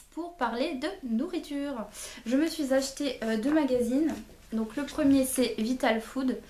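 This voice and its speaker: A woman's voice: a little high, darkish tone. A young woman from France casually presenting her book and magazine haul, with many hesitations and restarts. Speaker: book vlogger. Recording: faint background noise.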